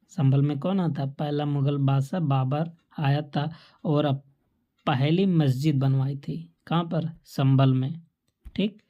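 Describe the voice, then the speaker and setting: In this exam-prep lesson, a woman asks questions, answers them on her own, and repeats the essential facts for memorizing. Her low, mellow voice comes through a muffled recording.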